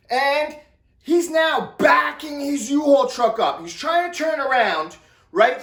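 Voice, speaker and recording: A man telling personal stories to viewers in an animated, exaggerated way, with sound effects. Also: extremely high pitch. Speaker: storyteller vlogger. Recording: roomy, distant mic.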